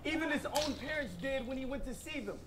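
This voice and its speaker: A man's voice: very high-pitched, expressive, brisk. A man performing a live battle rap, delivering taunting punchlines with laughing asides. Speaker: battle rapper. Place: live battle event before a crowd. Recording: crowd noise from a live event.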